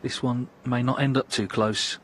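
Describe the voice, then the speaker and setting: A man giving measured, understated analysis as part of live snooker commentary. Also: mid-range voice, fairly even intonation. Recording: crowd ambience and background noise.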